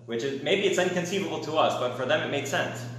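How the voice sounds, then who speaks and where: A man's voice: on the high side, lively intonation, fast, a bit bright, a little hiss or hum. A man from America teaching a class, asking the students questions and adding wry asides. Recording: very echoey room.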